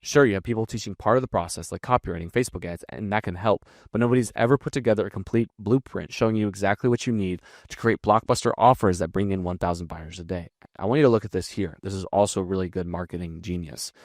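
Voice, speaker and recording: A low-voiced man talks quickly and bluntly, explaining marketing copy in a casual, unscripted way. He swears freely and keeps a brisk, energetic flow. The recording is close and dry, with no room sound. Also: no echo. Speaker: marketing and copywriting teacher. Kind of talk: casual screen-share breakdown.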